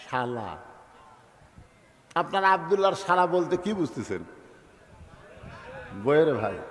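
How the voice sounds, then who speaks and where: A high-pitched man delivers a waz sermon. He tells a family story dramatically, acts out each character's lines, and chants scripture. His voice carries a long, hall-like reverb. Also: fairly bright tone. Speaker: preacher.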